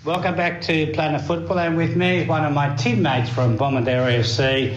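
A man's voice: a little high, steady tone, fairly quick, echoey room, dull audio, slight background noise. Chatty male sports podcast host. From Uruguay. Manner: chatty, prompting guests with names and questions. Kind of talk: casual sports chat.

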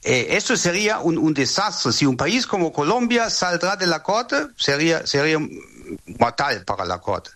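German man, high bright voice. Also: big pitch swings, moderate pace. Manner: hesitant, repeats words while searching. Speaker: interviewed legal expert. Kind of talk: interview answers.

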